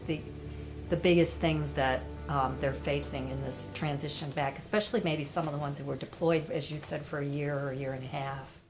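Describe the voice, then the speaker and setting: A woman interviewer asking halting, searching questions. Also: low-pitched, poor audio.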